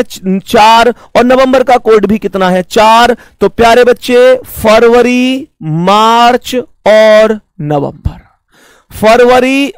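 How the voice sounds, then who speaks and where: A man teaching a math lesson, explaining slowly, repeating points and calling his students fondly. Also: very high voice, smooth, no echo.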